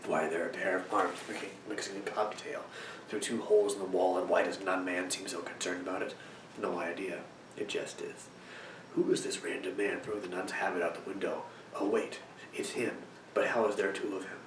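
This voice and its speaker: A man reviews a film from a script in a hushed, library-quiet whispering manner. His voice sits low. It is picked up at a distance from the mic, with clear rumbling noise around it. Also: level tone, a little fast, roomy sound.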